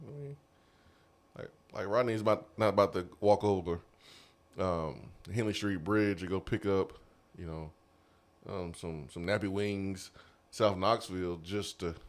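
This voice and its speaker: A man hosting a casual sports talk show, animated and quick to laugh. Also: low-pitched. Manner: animated, laughing, drawn-out emphasis. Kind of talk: casual sports radio chat. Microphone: studio mic.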